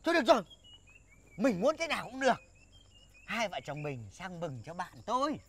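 A man's voice: high-pitched, sing-song, normal speed, a bit bright, exaggerated voice. An actor playing a fussy husband who keeps lecturing his wife to mind her manners. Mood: nagging. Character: fussy, nagging village husband. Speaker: husband in a rural village comedy. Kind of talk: comic film acting.

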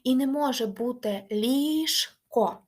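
A young woman leads a language lesson, patient and repetitive, asking students to repeat after her. Her voice sits a little high with a breathy, husky edge. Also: slow pace, darkish tone. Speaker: Ukrainian language teacher.

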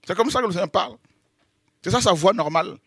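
A man preaching a lively sermon, exclaiming, making dramatic sound effects and laughing between points. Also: high voice, fast talker, creaky, husky, dry recording. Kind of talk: animated sermon.

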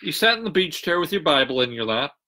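A calm pastor in a joke gives steady, step-by-step advice, as voiced by a man. The voice is bright and a little high. He sounds patient and clear. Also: fast, heavily acted. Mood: questioning. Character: calm advising male pastor.

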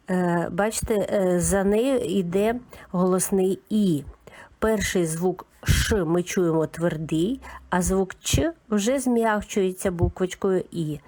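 A woman giving a calm, methodical lesson for young children, naming each sound of a word one by one. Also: medium pitch. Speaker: teacher. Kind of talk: slow, patient children's literacy lesson.

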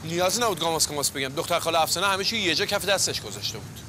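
A man's voice: a little high, animated, background noise, lightly acted. An actor playing an easygoing young male tenant and nephew who dodges and soothes with evasive talk. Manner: evasive, soothing, talks his way out. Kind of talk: Persian TV comedy series acting.

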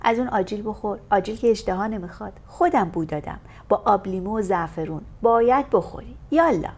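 A woman's voice: medium pitch, animated, mellow, voice pushed up, close to an everyday voice. A woman voicing an insistent, motherly older hostess who coaxes a boy to eat, in a storybook reading. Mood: coaxing. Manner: coaxing, insistent.

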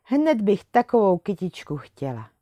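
A woman's voice: mid-range voice, big pitch swings, dark tone, no echo, voice pushed up. A woman doing Růženka, an eager young princess. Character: sweet, eager seventeen-year-old princess.

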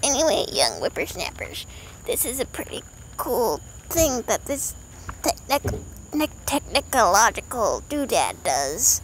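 A fussy, sickly old grandmother, as a woman puts her on in a homemade vlog, her voice croaky and pitched high, swooping up and down as she drawls very slowly. A faint hiss of noise sits behind her. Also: sing-song, rough recording. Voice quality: croaky, coughing. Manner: slow, warbling grandmotherly talk.

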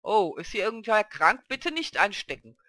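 A woman's voice: medium pitch, big pitch swings, normal speed, pushed and bright, dry recording. A woman hosting a let's play, commenting on her game through a headset and chatting to the characters, urging and grumbling at them. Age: adult with a child.

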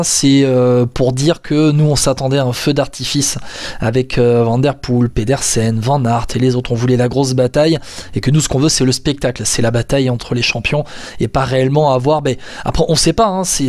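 A man hosts a casual podcast in a voice of ordinary pitch. He talks loosely and hesitantly, filling gaps with fillers and restarting his sentences. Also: a little mellow. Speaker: podcast host.

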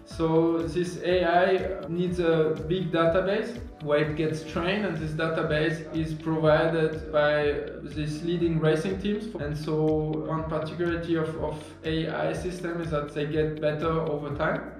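A man in his thirties talks an audience through his invention from his desk, pausing and restarting often. His voice sits a bit high and rings around a very echoey office. Soft music plays underneath. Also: little pitch movement. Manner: halting, many restarts and fillers, earnest. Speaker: engineer and founder of a marine detection product. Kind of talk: explaining a product to camera. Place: office room, indoors.

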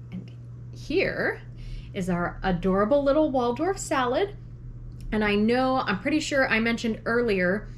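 Woman, mid-pitched, chatty home cook reviewing dishes as she tastes them. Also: slight background noise. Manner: chatty, describes flavors and textures in detail. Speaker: food blogger recreating vintage recipes. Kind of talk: casual taste-testing commentary.

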